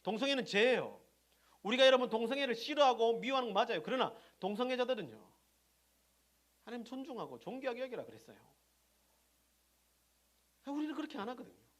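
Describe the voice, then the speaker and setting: A middle-aged man preaching a sermon as pastor, asking the congregation questions and answering them himself, moving between loud emphasis and soft, low asides. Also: big pitch swings, fast talker, long pauses.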